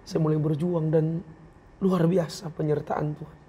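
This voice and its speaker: Appearing as an interview guest, this man tells an earnest, emotional story from his own life and voices the quoted speech of others along the way. His pitch is on the high side, his delivery flat and unhurried, his tone warm, and there's a touch of hiss or hum.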